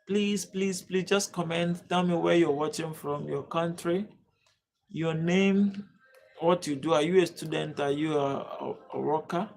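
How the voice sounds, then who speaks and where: His voice sits on the high side, steady and a little mellow, with vocal fry and an unhurried pace. He's a Nigerian teacher hosting a livestreamed lesson who keeps repeatedly imploring viewers to comment and subscribe.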